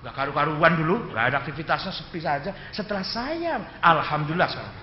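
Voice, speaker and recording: A man's voice: on the high side, big pitch swings, fast, slight background noise, voice pushed down. A man putting on a smug self-praising braggart. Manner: smug, self-praising, sighs of mock dismay. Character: boastful self-important man claiming credit. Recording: echoey hall, dull lo-fi sound.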